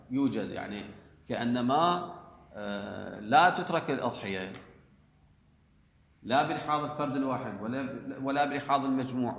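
A man teaching a class. He reads a text aloud, then explains it and puts questions to his students. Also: mid-range voice. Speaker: teacher of religious law. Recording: echoey hall with long reverb.

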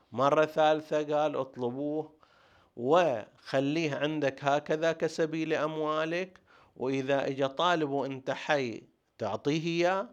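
Man teaching religious law. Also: fairly high pitch. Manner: explains step by step with rhetorical questions. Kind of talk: jurisprudence lecture.

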